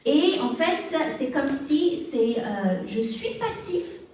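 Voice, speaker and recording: Lady pastor teaching in church, kinda high voice, lots of euhs, plays out little back-and-forths, big echo, mic far off. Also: big pitch swings, takes it slowly, darkish tone, slight background noise. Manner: conversational, many fillers, acts out little dialogues. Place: church hall. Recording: echoey room, mic at a distance.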